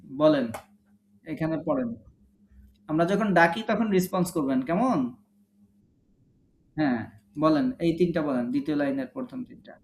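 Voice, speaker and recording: A man's voice: fairly high pitch, animated, moderate pace, long pauses, reverberant, slight background noise. A man teaching a recitation class online, patiently correcting students and modeling short vowel sounds for them to repeat. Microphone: online video call.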